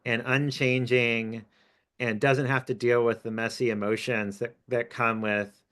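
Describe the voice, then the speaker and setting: A man's voice: medium pitch, level tone, measured pace, fairly bright tone. A man, an author, talking over an academic discussion in a thoughtful, hesitant way with frequent fillers. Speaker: author and guest speaker. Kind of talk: academic talk.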